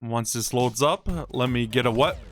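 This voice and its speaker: A man's voice: medium pitch, steady tone, normal speed. A man streaming a video game, chatting casually and restarting words as he plays. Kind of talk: casual gaming stream chat.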